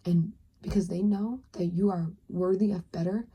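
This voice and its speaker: A young woman giving a pick-a-card tarot reading in a husky, deeply mellow voice that sits a little low. She speaks earnestly and encouragingly, straight to the viewer, and now and then slips into a soft whisper. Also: steady tone, normal speed. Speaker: tarot reader.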